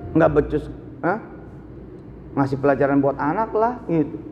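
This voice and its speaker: A man preaching a live sermon, telling stories with sudden swings from low asides to high exclamations. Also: expressive, normal speed, long reverb tail, highs cut off, faint music behind. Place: large hall, live event.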